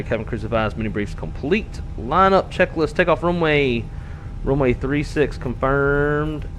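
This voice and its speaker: A man speaking as an airline pilot on a headset, giving clipped procedural callouts and radio readbacks. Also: mid-range voice. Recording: loud steady cockpit hum.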